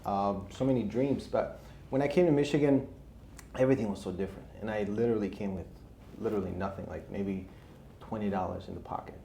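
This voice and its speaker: This interview guest, a thirty-something Albanian real estate investor who grew up speaking Albanian, talks fairly quickly in a low-leaning, creaky, warm voice. He shares his story in a relaxed way. Faint background noise and a roomy echo are audible.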